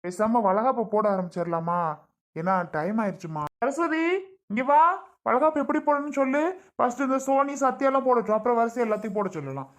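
A woman's voice: on the high side, brisk, lightly acted. A woman playing a reassuring older father in a family skit. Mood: urging. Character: caring older father of the bride.

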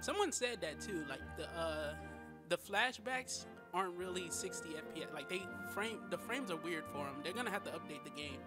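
A man's voice: sits high, expressive, brisk, loud music behind the voice. A young man live-streaming a game, greeting chat by name with lots of slang and hyped chatter.

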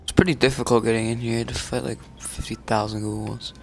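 A man streaming a video game with casual commentary. His medium-pitched voice has a gravelly creak, with faint music behind it. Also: level tone, brisk.

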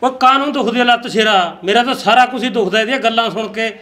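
A man acts out an angry old father who grumbles and complains nonstop. His voice is very high, quick and sharp-edged. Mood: grumbling. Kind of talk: rural Punjabi web drama acting.

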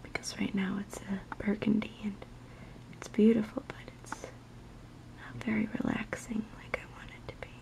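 A young woman giving a soft-spoken, whispered ASMR chat in a gentle, unhurried, soothing murmur. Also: medium pitch, flat delivery, vocal fry, rough recording. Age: young adult. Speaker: ASMR video maker.

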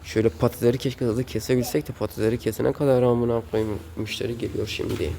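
A man's voice: mid-range voice, fairly even intonation, quick pace, vocal fry, dark tone, slight background noise. A man hosting a gaming channel, giving casual gameplay commentary at home, rowdy and swearing often as he scolds the game's characters.

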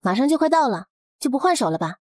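A woman playing a spirited, practical young heroine in a historical romance drama, brisk and forthright. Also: high-pitched, big pitch swings, no echo, clean studio sound, voice pushed up. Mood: practical, assured. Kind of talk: historical audio drama dialogue.

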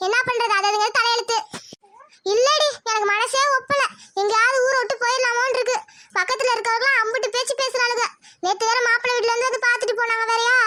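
A woman voicing a grieving middle-aged mother in a cartoon, lamenting her runaway daughter in a slow, heavy voice. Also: very high voice, steady tone, sharp tone. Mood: sorrowful. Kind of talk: cartoon voice acting.

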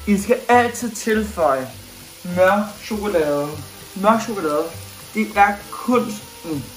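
A man's voice: high voice, lively intonation. Man, 30s, fitness coach vlogging; playful and chatty, roomy kitchen sound with faint music. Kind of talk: casual cooking vlog. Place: small home kitchen. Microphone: camera at medium distance.

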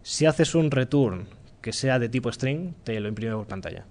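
A man with a Spanish accent from Spain giving a relaxed, joking live-coding talk in a lecture room, thinking aloud as he goes. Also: medium pitch, moderate pace. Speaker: conference speaker.

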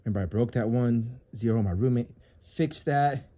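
With a warm, mid-range voice and a moderate pace, a man records himself on his phone while wrenching on an engine in his home garage. The car hobbyist vlogger chats easily about the project and keeps tossing in self-deprecating jokes.

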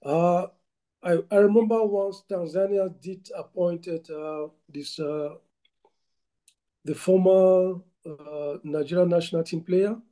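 Hesitant Cameroonian coach, bright forceful voice. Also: male voice, sits high, fairly even intonation, takes it slowly, poor audio. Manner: hesitant, many fillers and restarts. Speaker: football coach. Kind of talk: video call interview. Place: indoor room at home. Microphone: video call laptop mic.

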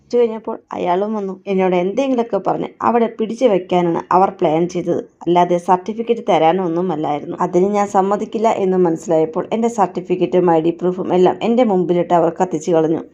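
A woman's voice: lowish voice, fast, few pauses, dark tone, close to an everyday voice. A woman voicing a defiant young woman who feels betrayed by her family, emotional and reproachful, on a dull lo-fi recording. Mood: hurt.

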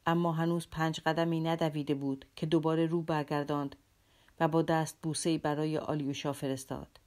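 A woman reads a classic novel aloud in a measured, dramatic way. Her voice sits very low for a woman, steady and unhurried. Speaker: audiobook narrator. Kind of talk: scripted literary narration.

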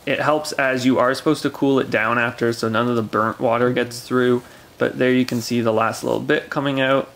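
A man's voice: mid-range voice, steady tone, moderate pace, vocal fry, fairly bright tone. A man casually explaining how to make camp coffee, talking step by step at a picnic table in a forest. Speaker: camping gear reviewer.

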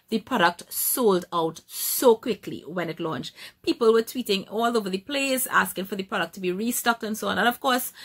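Chatty female vlogger reviewing products, some vocal fry, middle pitch. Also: fairly bright tone. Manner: chatty, many restarts and asides. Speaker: skincare vlogger.

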